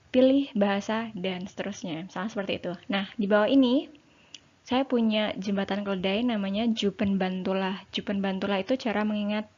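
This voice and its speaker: A woman's voice: mid-range voice, darkish tone. Chatty woman teaching. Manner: casual, chatty teaching with fillers and rhetorical questions. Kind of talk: explaining a lesson to students. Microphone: home recording for an online lesson. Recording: slightly dull lo-fi sound.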